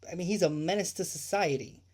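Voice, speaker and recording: A man's voice: on the high side, fast, a little mellow, slightly rough. A man hosting a true crime livestream, ranting indignantly with swearing and rhetorical questions, repeating his points.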